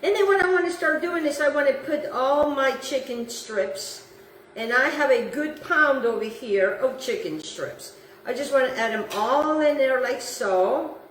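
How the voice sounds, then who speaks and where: A woman with a high voice speaks at a measured pace, recorded from a distance with a slight hiss or hum. She's Italian, a native Italian speaker, hosting a casual cooking demonstration in her home kitchen, chatting to the viewer and repeating herself as she works. The kitchen is echoey and her voice is off-mic.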